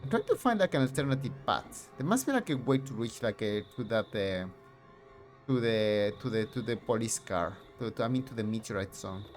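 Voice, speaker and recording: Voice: mid-range voice, animated, a little fast, faint music behind. A streamer casually commenting while playing a retro game, rambling with many fillers.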